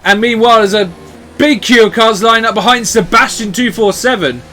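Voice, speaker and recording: A man commentating live on motor racing as a motorsport commentator, in an excitable, exclamatory way. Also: high voice, normal speed.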